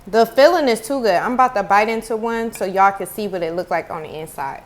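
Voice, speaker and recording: A woman's voice: medium pitch, brisk. A woman chatting casually to viewers in a food review vlog, recorded at home on earbud headphones. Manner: chatty, talks to viewers as y'all. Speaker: food vlogger. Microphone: earbud headphone mic.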